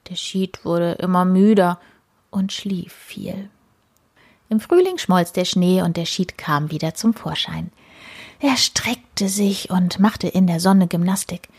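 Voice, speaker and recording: Brief: woman narrator, whispered storytelling, hushed and breathy, mid-pitched. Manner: soft, hushed.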